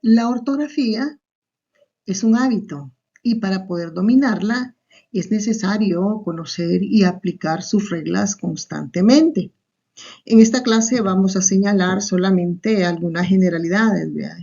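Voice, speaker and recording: Here a woman's dark, creaky voice of medium pitch moves a little slowly through a recorded online lesson. She teaches step by step with a Salvadoran Spanish accent and tends to end points with a questioning aside, heard through muffled lo-fi audio.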